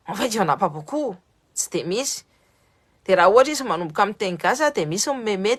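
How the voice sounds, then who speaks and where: A woman's voice: medium pitch, fairly bright tone. A woman talking casually on a live stream, switching between French and Malagasy, greeting viewers by name and often restarting her words. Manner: lots of restarts and repeated words. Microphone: phone on a social live stream.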